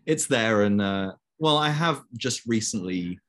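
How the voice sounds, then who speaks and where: A man's voice: fairly low pitch, lively intonation, unhurried, fairly bright tone. A young man raised in Belgium, chatting as an interview guest over a video call with many fillers. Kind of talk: casual conversation.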